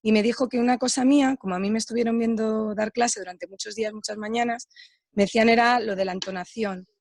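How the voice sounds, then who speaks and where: A woman, a teacher, making an earnest, measured comment during an online workshop. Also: on the high side, fairly even intonation, darkish tone, dry recording.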